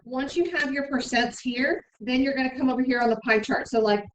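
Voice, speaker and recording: A woman teaching a middle school math class, briskly explaining steps and checking in with "okay?" often. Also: high voice. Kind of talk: classroom instruction. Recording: echoey room, mic far off, faint noise.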